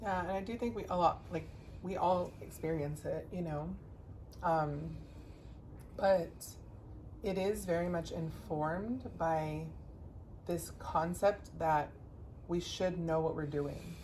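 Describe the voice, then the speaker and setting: A woman hosting a podcast, talking earnestly and casually, swearing freely and growing animated. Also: fairly low pitch, slow, pauses often, a little hiss or hum, low-quality recording. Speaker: podcast host.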